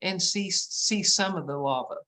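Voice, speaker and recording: A woman's voice: fairly low pitch, sharp tone, rough recording. West Texan woman on a video call. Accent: West Texas. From West Texas. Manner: self-deprecating, halting with restarts. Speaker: guest painter. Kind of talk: casual interview chat.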